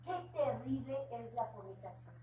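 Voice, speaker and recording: Speaking a little slowly in an animated, high-leaning voice, a Mexican-accented woman delivers an informal, heartfelt sermon to a house church group, mixing in personal anecdotes. The recording is echoey and noisy, from a distant microphone.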